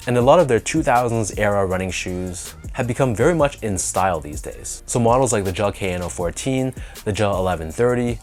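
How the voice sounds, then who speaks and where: A Canadian man hosting a sneaker review video, sounding nasal from a sinus infection, talking in a relaxed, enthusiastic way with drawn-out emphasis. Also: lowish voice. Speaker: sneaker channel host. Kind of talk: casual review talk to camera.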